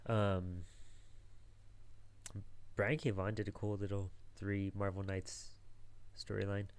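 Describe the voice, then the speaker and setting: A man's voice: on the low side, level tone, slow, clean tone, no echo. A man co-hosting a podcast, chatting casually about comic characters with lots of "like" and "you know". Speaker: podcast co-host.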